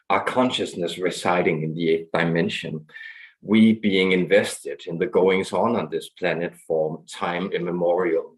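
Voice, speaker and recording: A man channels an otherworldly alien guardian in a low voice. The delivery is slow, measured and formal, like an ominous, grandiose proclamation from a collective of star beings. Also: poor audio.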